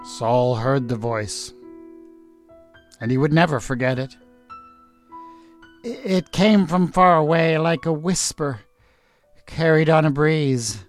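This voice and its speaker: Male storyteller, calm and deliberate, a little high; faint music behind. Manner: deliberate, calm narration with small stumbles. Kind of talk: dramatic story narration.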